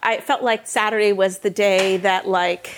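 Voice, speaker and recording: A middle-aged woman from New Jersey chats candidly about her life in an onstage conversation. Her voice is ordinary in pitch, and she talks freely and laughs often. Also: steady tone, unhurried, slight background noise. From northern New Jersey. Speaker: cookbook author. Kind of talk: casual conversation on stage.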